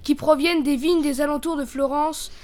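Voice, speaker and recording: A sly peasant man from a storybook, coaxing with a put-on sweetness in a high, light voice, as a woman reader plays him. He is crafty and bossy beneath the honey. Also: steady tone, moderate pace, darkish tone, close to an everyday voice.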